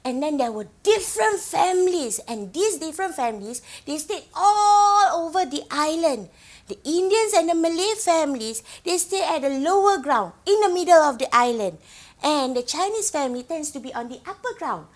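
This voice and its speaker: An actress with a Singaporean accent, playing a young woman who fondly recalls her island village childhood, gently telling her story and asking the listener questions. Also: high-pitched, lively intonation, moderate pace. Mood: reminiscing. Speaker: actor in a monologue. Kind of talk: theatrical storytelling monologue to the audience.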